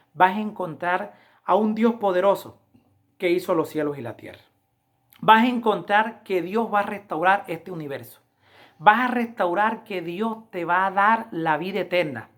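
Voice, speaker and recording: Woman preaching with a low voice. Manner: emphatic, repetitive preaching with direct appeals to listeners; slows down to read scripture aloud. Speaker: Adventist Bible lesson teacher. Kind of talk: preaching a Bible study review.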